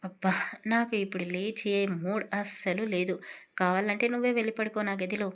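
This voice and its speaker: A woman's voice: medium pitch, fairly even intonation, a little fast, close to an everyday voice. A woman voicing a young male hero, teasing and lazy, in an audio story.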